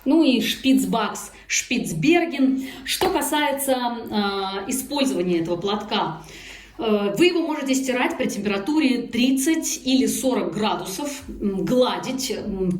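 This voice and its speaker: A woman's voice: a little high, expressive, unhurried. Echoey woman presenting a product. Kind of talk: casual product review, talking through an unboxing. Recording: echoey room, faint background noise.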